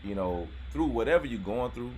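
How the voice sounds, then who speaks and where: A man's voice: medium pitch, lively intonation, brisk, a little mellow, a little hiss or hum. A man in his forties hosting a casual live-stream chat outdoors, laid-back and rambling. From North Carolina, US. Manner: laid-back, rambling, lots of "you know what I'm saying". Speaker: channel host. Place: outdoors near a golf course.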